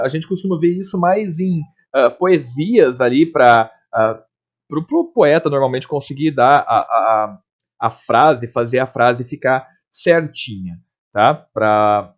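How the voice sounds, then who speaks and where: A man teaching a spelling lesson, explaining step by step and checking in with his students often. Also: a little high. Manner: explanatory, frequent check-ins like "tá?" and "ok?". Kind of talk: recorded grammar lesson. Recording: dull lo-fi lesson recording.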